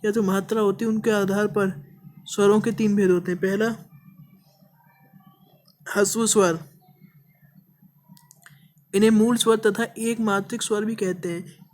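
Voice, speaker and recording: A woman's voice: mid-range voice, a little mellow, a little hiss or hum. A woman teaching a grammar lesson, explaining step by step, often checking in with "okay" and drawing out vowel sounds as examples. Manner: repeats points with frequent "ठीक है" checks.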